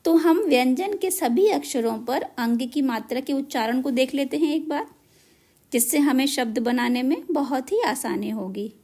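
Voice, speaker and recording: A woman teaching a children's lesson on letter marks, spelling out each syllable slowly and deliberately. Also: high voice, warm tone, slight background noise. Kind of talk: Hindi matra lesson.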